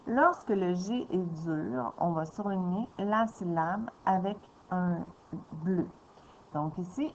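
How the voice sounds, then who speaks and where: A woman teaches a young child to read, explaining each step slowly and patiently. Her voice sits a little low. The recording is dull and lo-fi, with faint ambience behind her. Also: slight background noise. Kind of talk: reading lesson for a young child.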